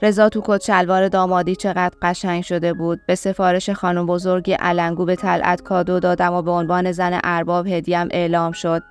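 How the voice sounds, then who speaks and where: A woman narrating a story in a calm, even reading style. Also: fairly low pitch.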